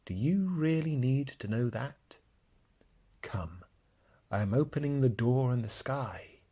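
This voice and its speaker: A man voicing a great, gentle, wise male lion in a storybook reading, speaking low, slow and husky, close to a whisper. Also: lively intonation. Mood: tender.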